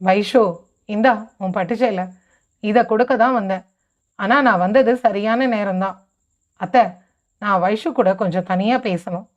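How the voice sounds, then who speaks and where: A woman voicing a caring young sister-in-law who teases gently and confides a family story, on a dull lo-fi recording. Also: mid-range voice, unhurried, pauses often, natural voice. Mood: confiding.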